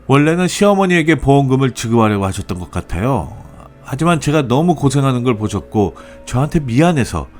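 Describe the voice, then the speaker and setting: A man narrating a first-person story in an expressive, lively storytelling manner. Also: lowish voice.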